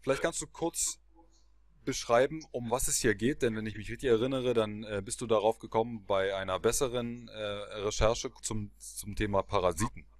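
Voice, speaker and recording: A man in his thirties hosts a video-call interview and speaks in a friendly way with an occasional filler. His voice sits fairly low. He talks through a headset mic. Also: normal speed. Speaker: interview host.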